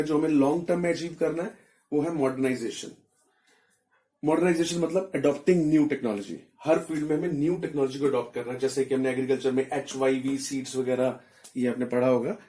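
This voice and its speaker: A man's voice: a little high, warm tone, echoey room. A man with an Indian accent teaching economics step by step, mixing in English terms and checking that students follow. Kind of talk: explaining economics in a recorded lesson.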